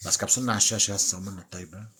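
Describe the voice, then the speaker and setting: A man's voice: lowish voice, steady tone, very fast, pushed and bright, a little hiss or hum. A man hosting a casual live stream, bantering with and teasing his viewers. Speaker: livestream host.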